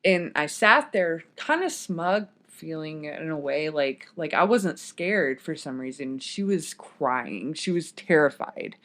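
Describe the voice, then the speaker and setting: A woman's voice: sits low, expressive, takes it slowly, hardly any pauses, a bit bright. A woman guest on a podcast, telling a personal story in a casual, rambling way that drifts off on tangents. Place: podcast studio.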